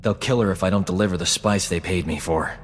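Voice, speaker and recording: Actor as cocky, low-voiced space doctor, reverberant. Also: male voice, quick pace, slight background noise, lightly acted. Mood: casual, scheming. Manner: smug, flirtatious, self-assured banter. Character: cocky, flirtatious male frontier doctor, smooth-talking adventurer. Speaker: video game companion character. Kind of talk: video game voice acting. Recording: long hall reverb, game music underneath.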